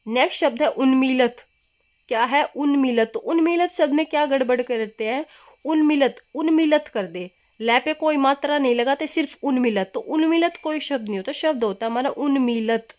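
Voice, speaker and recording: A young adult woman teaching Hindi spelling for exams. She says each word slowly and keeps asking the class what it is. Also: fairly high pitch. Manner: repetitive teacher's questions, keeps asking "क्या है?"; drills words slowly, stressing correct spelling. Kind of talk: exam coaching lesson.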